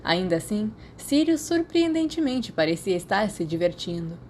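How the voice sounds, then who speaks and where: This woman's mid-range, darkish voice swings widely in pitch at a normal speed as she narrates scripted fiction for podfic, audiobook-style. She has a Brazilian accent, and there's a little hiss or hum.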